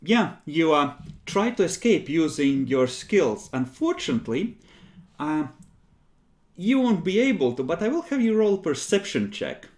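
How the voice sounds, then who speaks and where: Lively, higher-pitched male game master. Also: a little slow. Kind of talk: improvised tabletop game narration.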